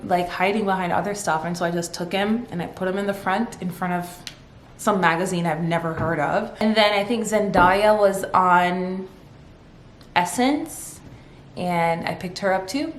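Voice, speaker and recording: A woman's voice: mid-range voice, moderate pace. Woman vlogger, chatty and upbeat, rambling, echoey room, faint noise. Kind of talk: casual vlog chat. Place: home kitchen.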